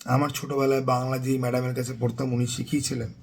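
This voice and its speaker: A man's voice: mid-range voice, level tone, fast, vocal fry, a little mellow. A man reviewing a book in a chatty vlog, mixing in English words and stumbling over some sounds. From West Bengal, India.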